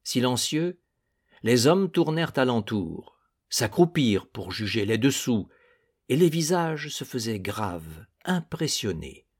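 A man narrating a literary novel in a measured, deliberate reading. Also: mid-range voice, sing-song, slightly rough. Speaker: audiobook narrator.

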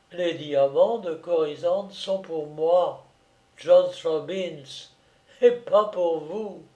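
A man voicing a jovial gentleman thief. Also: on the high side. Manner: cheerful, mocking politeness.

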